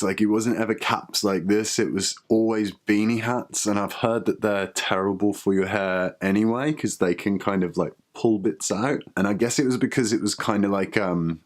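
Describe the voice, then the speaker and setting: Recording a personal video diary to camera, a man in his 30s talks candidly and reflectively in a somewhat low voice. Occasionally he stumbles and starts a line over.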